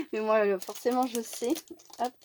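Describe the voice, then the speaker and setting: A woman hosting her craft channel, chatting casually while unboxing mail and pausing often with hesitation fillers. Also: on the high side, lively intonation, mellow, slight background noise.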